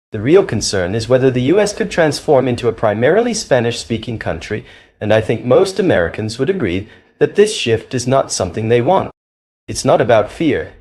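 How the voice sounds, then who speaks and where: A man reads a scripted commentary voice-over in a declamatory, opinionated way. His delivery is animated, rising and falling throughout. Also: mid-range voice. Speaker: commentary narrator.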